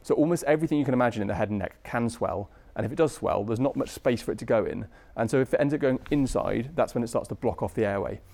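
This British medical lecturer, an anaesthesia registrar, moves briskly through his material in a soft, mellow, mid-range voice with some creak. He keeps things conversational, leaning on colloquial wording and regular tag questions.

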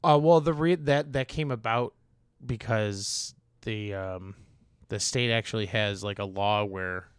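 A man's voice: lowish voice, unhurried, smooth, no echo, clean studio sound. A man chatting casually, telling rambling stories with some swearing. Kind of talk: casual chat.

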